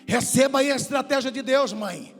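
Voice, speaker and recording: A man's voice: very high voice, moderate pace, big-room sound, faint music behind. A male pastor preaching a sermon in a church, fervent and repeating his phrases with cries of praise.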